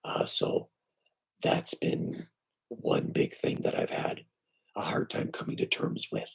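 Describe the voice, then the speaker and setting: A man hosts a casual home live stream through his computer's microphone, his weak vocal cords leaving him breathy, raspy, hoarse, and short of breath. He stumbles along with lots of fillers and restarts, brightening up when he says hello to viewers.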